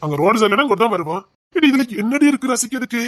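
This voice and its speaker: A man's voice: very high-pitched, sing-song, racing, a bit bright, no room sound, clean studio sound, full character voice. A man with a Tirunelveli Tamil accent, playing a caring young village man who teases affectionately. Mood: amused. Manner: affectionate, teasing, easygoing. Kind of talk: web series drama acting.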